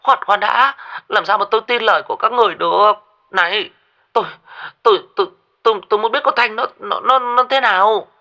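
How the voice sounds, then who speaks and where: A man's voice: high voice, very fast, few pauses, bright, forceful tone, pitched above the performer's own voice, full character voice. A man voicing a frantic middle-aged stepmother on the phone who stammers and repeats herself. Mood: panicked. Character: panicked older stepmother woman on phone.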